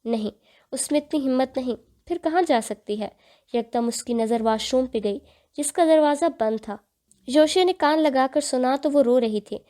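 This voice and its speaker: Mellow-voiced woman narrating a novel. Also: high-pitched. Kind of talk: dramatic audiobook narration.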